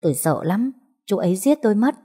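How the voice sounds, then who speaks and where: A woman's voice: medium pitch, animated, a little fast, mellow, breathy edge, voice pushed up. A woman voicing a timid middle-aged woman who speaks nervously and pleads. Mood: fearful.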